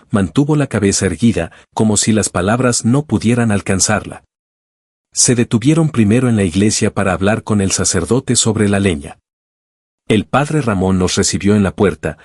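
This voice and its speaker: A man narrates a scripted story in an even, measured reading. His voice sits low with a husky texture. The recording is dry and close, with no room sound. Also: dry recording.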